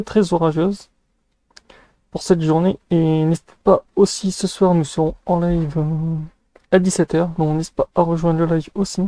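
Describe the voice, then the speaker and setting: Male weather vlogger. Slightly high, soft-edged voice, loose slangy delivery, dry close sound. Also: dry recording. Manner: informal, slangy. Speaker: weather news host. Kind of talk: casual improvised weather commentary.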